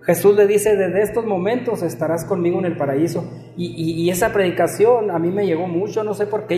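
A man's voice: sits high, warm tone, reverberant. A man giving a personal religious testimony as a former musician, telling his story earnestly and often quoting his own past words.

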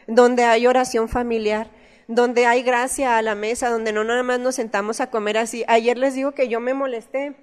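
A woman in her thirties with a Mexican accent, giving an earnest, conversational sermon in a church, telling personal stories. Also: on the high side. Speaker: church speaker. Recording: long reverb of a church hall.

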